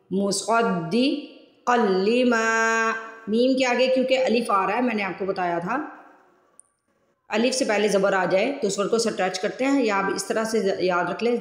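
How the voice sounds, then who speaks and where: A woman teaching a Quran lesson, spelling out each word syllable by syllable and repeating it patiently. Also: medium pitch. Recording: echoey room with long reverb.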